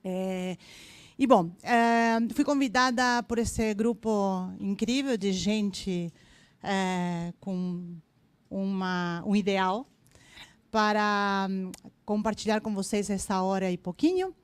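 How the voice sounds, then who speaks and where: A woman's voice: mid-range voice, takes it slowly, clear, resonant tone, no room sound. A woman in her fifties from Argentina, with an Argentine accent, giving a chatty, joking talk at a corporate event with hesitant fillers. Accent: Argentine Spanish. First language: Spanish. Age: 50s. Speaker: invited speaker.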